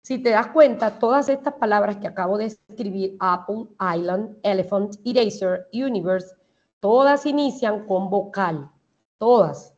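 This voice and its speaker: A woman's voice: medium pitch, a little slow, a little mellow, lo-fi sound. A woman with a Colombian Spanish accent teaching English grammar in an online class, explaining step by step and checking that the students understand.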